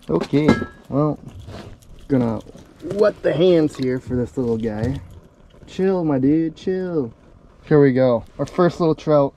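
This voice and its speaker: A man's voice: medium pitch, dark tone, slight background noise. Laid-back young man in an ice shelter. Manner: laid-back, chatty, talks while rigging gear. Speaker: fishing channel host. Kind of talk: casual vlog narration. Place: small ice fishing shelter on a frozen lake. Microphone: camera mic, then head-mounted action camera.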